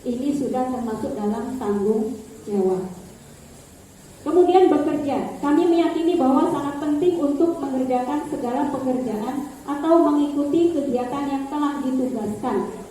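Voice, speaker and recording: A woman's voice: high voice, moderate pace, mellow, slight background noise. A woman teacher explaining classroom practice to colleagues, repeating key terms and addressing them as Bu. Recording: echoey room from far off.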